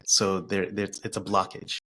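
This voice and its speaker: Thoughtful low-voiced man, reflective guest. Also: monotone, a little hiss or hum. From United States. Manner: thoughtful, pauses and restarts, laughs softly. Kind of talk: reflective podcast conversation.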